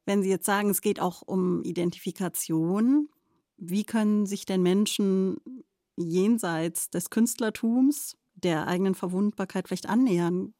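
A woman interviewer asking formal, measured questions of a guest. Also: medium pitch, warm tone, dry recording, clean studio sound. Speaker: radio interviewer.

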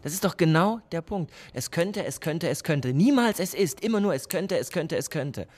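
A man's voice: a little high, animated, moderate pace. A man playing a sardonic, lecturing cynic about love. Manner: sardonic, lecturing, swings from hushed to emphatic. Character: cynical man, calls himself a love professional. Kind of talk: radio play dialogue.

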